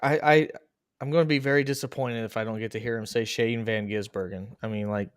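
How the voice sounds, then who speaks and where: A man hosting a casual racing chat podcast, joking and animated. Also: medium pitch, fast, smooth, no echo, clean studio sound. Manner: joking, animated, laughs at own bits. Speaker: podcast host.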